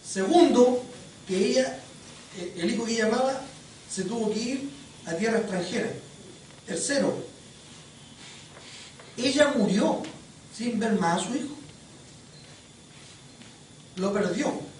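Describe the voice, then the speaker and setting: A preacher delivers a sermon in a church hall, telling stories with animated energy. The preacher keeps asking the congregation questions. The sound is distant and drenched in heavy hall echo, with a faint hiss behind it. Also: mid-range voice, slow, pauses often. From Chile. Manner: animated storytelling, quizzing the congregation. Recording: very echoey hall, distant mic, faint noise.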